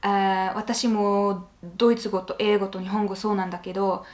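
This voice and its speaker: A woman's voice: mid-range voice, flat delivery, normal speed. A woman with a lilt chatting casually as she reacts to video clips, thinking aloud with many fillers.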